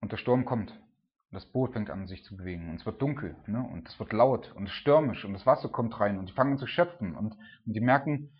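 A man giving a sermon in a loose, conversational way, often adding "ne?" and rising to loud cries when he retells dramatic scenes. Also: on the low side, brisk, dull audio. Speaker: preacher.

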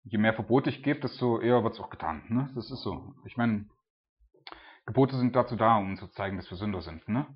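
A man's voice: on the low side, a little fast, breathy edge, muffled recording. A middle-aged father talking informally through a Bible passage, with lots of filler words. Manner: chatty, many fillers like "ne" and "so". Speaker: Bible teacher.

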